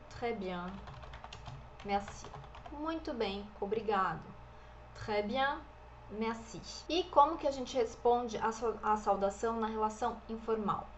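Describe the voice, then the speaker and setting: A woman teaching an online French lesson, enunciating slowly and carefully and drawing out example words. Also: on the high side, highs cut off, a little hiss or hum. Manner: slow, careful enunciation with drawn-out model words.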